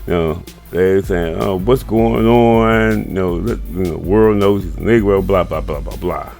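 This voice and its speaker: A man's voice: sits low, steady tone, normal speed, gravelly, a little mellow, soft background music. A man in his sixties hosting a casual comic book review, rambling with many fillers and chuckles. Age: 60s. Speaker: host.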